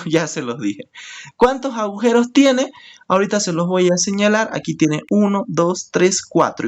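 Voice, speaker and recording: Man, anatomy teacher, step-by-step lesson, repeats key terms, frequent check-ins. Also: sits high. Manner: explains step by step, often checks in with "¿ok?". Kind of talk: screen-share anatomy lesson.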